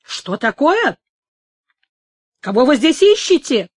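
A woman's voice: sits high, measured pace, fairly bright tone, no room sound, studio quality. A woman voicing an impassioned young nobleman. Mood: defiant. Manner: impassioned, pleading and exclaiming. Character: passionate young nobleman lover. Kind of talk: dramatic audiobook reading.

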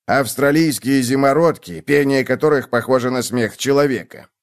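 A man's voice: medium pitch, moderate pace, natural voice. A man doing a hearty old hamster gnome. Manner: hearty, lecturing.

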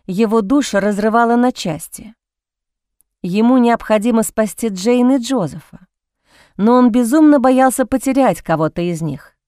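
A woman's voice: a little high, a little mellow, clear, resonant tone, no echo, clean studio sound. Woman narrating a dramatic audiobook. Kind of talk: scripted narration.

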